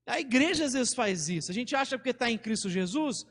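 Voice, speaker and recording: Man, Brazilian Portuguese accent, pastor, very high voice, chatty sermon with stories and slang, long church reverb. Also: lively intonation, brisk, a bit bright. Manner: conversational preaching with anecdotes and slang. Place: church sanctuary.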